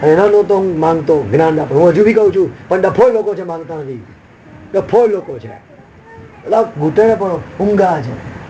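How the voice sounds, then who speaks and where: High-voiced preaching pastor, emphatic. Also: male voice, expressive, normal speed, dark tone, highs cut off. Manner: preaching with sudden emphatic rises and repeated refrains. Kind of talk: sermon.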